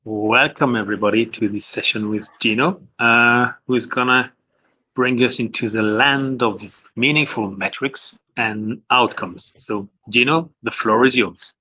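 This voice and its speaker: A man hosting a conference session and introducing the speaker in a deliberate way. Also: mid-range voice, sharp tone, rough recording. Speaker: session host.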